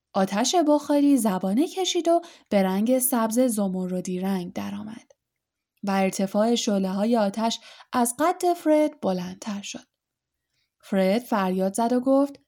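A woman narrating an audiobook in a calm, even reading voice. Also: mid-range voice. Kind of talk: storybook narration.

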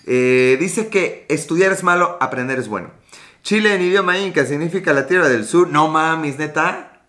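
A man's voice: a little high, moderate pace, bright, forceful tone. A Mexican man in his late thirties hosting a casual livestream, reading viewer comments in a scattered, joking, profane way. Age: late 30s. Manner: rambling, scattered, swears often. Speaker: livestream host.

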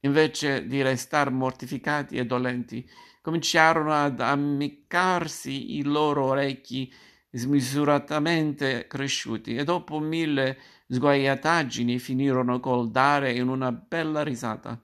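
A man reading a classic fairy tale aloud, narrating in a measured, expressive storytelling manner. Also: mid-range voice, smooth.

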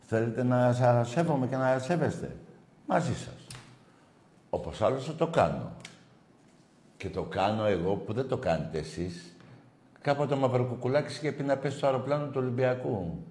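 Man, combative call-in host, foul-mouthed, loud outbursts, echoey room. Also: on the low side. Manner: combative, swearing, shouting bursts. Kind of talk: rowdy call-in football talk.

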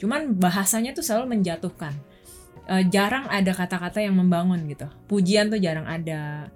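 A woman's voice: on the low side, a little fast, faint music behind. A young adult woman from Indonesia, a guest on a chat show, telling candid personal stories in a casual way.

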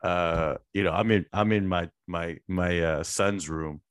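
Deep-voiced man chatting from home. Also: steady tone, clear, resonant tone, dry recording, studio quality. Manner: casual, halting, repeats words. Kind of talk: casual chat. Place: his son's room at home. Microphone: home microphone.

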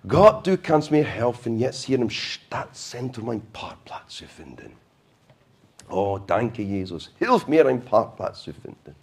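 Male preacher, sermon storytelling, playful, lively pitch. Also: measured pace, vocal fry, breathy edge. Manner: playful, asks the congregation questions. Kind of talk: sermon retelling a Bible story.

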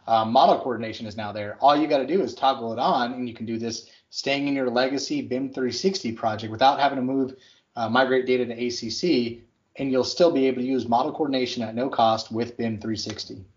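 A man co-hosting a podcast, chatting casually and enthusiastically about construction software, with plenty of fillers. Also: medium pitch, fairly even intonation, fairly quick. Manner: rambling, filler-heavy, enthusiastic. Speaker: podcast co-host. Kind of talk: casual tech chat. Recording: slightly dull lo-fi audio.

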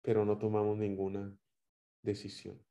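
A man with a Guatemalan accent preaching a sermon, telling stories and swinging between loud emphatic phrases and quiet trailing ones. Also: fairly low pitch, monotone, moderate pace, gravelly. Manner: storytelling with rising and dropping loudness.

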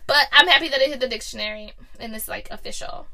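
A woman co-hosting a podcast in casual chat, giggly and talking in quick bursts. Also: on the high side, gravelly, sharp tone. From New Orleans. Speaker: podcast co-host.

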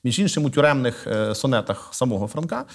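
A male literary scholar answers interview questions in a measured, lecturing manner. He often pauses on "uh" as he picks his words, with a plain mid-range voice. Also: medium pitch, expressive, gravelly. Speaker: guest, literary scholar and museum director. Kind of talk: thoughtful explanatory interview talk.

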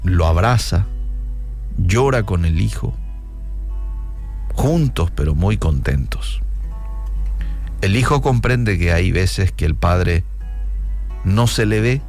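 A man telling a story in a radio devotional, speaking slowly and dramatically and addressing listeners directly. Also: deep voice, animated, darkish tone, faint music behind.

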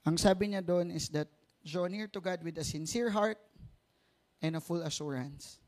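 A Filipino man delivers a sermon in a mix of Tagalog and English. His voice sits a little high for a man. He talks conversationally, using rhetorical tag questions to seek agreement. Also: normal speed, a little mellow. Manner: switches between Tagalog and English. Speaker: preacher.

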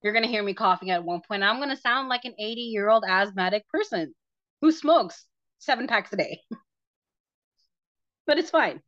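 A woman's voice: medium pitch, lively intonation, normal speed, pauses often, fairly bright tone, no echo, muffled recording. A woman co-hosting a podcast in casual chat, sick and coughing, joking around. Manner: chatty, joking. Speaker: podcast co-host.

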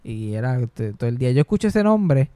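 A man, a comedian on a podcast telling funny family stories in a casual, animated way. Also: mid-range voice, fairly quick, clean tone, no echo, clean studio sound. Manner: animated, switching into voices, mixing in English. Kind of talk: casual chat, comic storytelling.

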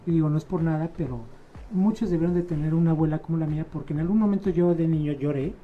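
A man in casual conversation, animatedly telling family stories and quoting relatives in lively voices. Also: fairly high pitch, quick pace, narrow, tinny audio.

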